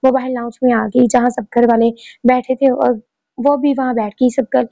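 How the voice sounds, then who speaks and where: Woman reading out a love story, highish mellow voice, dry dull mic. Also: moderate pace, creaky, dry recording. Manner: steady reading with small slips and restarts. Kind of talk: reading a romance story aloud. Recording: dull lo-fi recording.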